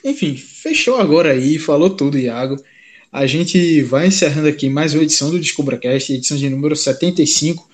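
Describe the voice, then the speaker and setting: A man's voice: on the high side, expressive, fairly quick. A man hosting a sports podcast in an informal, colloquial way. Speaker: podcast host. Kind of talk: casual sports podcast talk.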